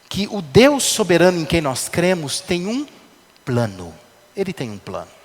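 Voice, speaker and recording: Pastor preaching in a reverberant hall. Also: male voice, on the high side. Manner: conversational preaching with frequent rhetorical questions. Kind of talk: sermon.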